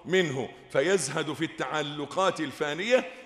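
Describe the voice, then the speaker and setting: A man's voice: fairly high pitch, moderate pace, big-room sound. A man with an Egyptian Arabic accent, preaching a sermon with storytelling and call-and-response with his audience. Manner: lively, calls and responses with the audience.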